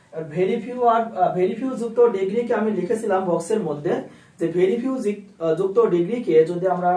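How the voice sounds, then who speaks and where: A man's voice: sits high, dark tone. A man teaching English grammar, asking questions and answering them himself. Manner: repeats key phrases, asks and answers own questions. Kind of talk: classroom lesson. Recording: roomy echo, a bit far from the mic.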